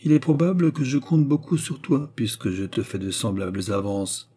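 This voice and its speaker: Man voicing a scheming baronet, raised husky voice, smooth, mocking, audiobook character. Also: medium pitch, expressive, moderate pace, warm tone. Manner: smooth, teasing, coldly calculating. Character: scheming mocking male baronet, around thirty.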